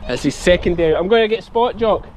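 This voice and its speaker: A Scottish sheep farmer in his thirties with a broad accent vlogs casually in an open farm field, talking to a child and his sheepdog. His voice is high-pitched and expressive, and he talks quickly. It's filmed on an action camera at arm's length, with outdoor field noise.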